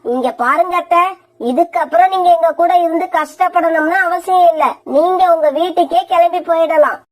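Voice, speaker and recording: A high-voiced cartoon mother bird with a sharp, sarcastic tongue, as a woman acts her out. She scolds and threatens in quick, biting phrases. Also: steady tone. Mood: scolding.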